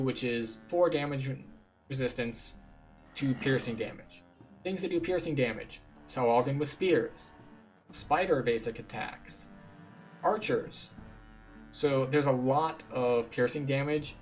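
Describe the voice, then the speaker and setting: Over game music, a man with a medium-pitched voice gives casual, matter-of-fact gameplay commentary, explaining things like a tour guide. The recording quality is low.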